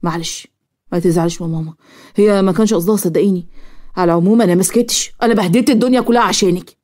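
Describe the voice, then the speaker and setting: A woman's voice: medium pitch, very fast, dark tone, close to an everyday voice. A woman voicing a young man, an exasperated grown son, with an Egyptian accent. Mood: soothing. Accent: Egyptian Arabic.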